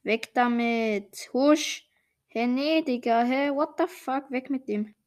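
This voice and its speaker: A young, slangy gamer giving excited casual commentary while playing, full of exclamations and swearing. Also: mid-range voice, slow pace. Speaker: gaming streamer playing a party game.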